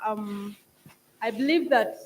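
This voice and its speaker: A woman's voice: medium pitch, slow, heavy background noise. Hesitant young woman from South Sudan. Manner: hesitant, many fillers and restarts. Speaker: student asking a question. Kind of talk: audience question at a forum.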